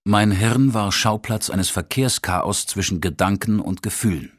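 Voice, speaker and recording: A man narrating a first-person audiobook in a measured, steady storytelling manner. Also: fairly low pitch, slightly rough, no room sound, clean studio sound.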